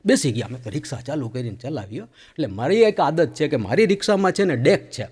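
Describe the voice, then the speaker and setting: Lively male comic telling a joke story. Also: on the high side, quick pace, slightly rough. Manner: animated, laughing, acts out the story. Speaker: comedian. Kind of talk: stand-up storytelling.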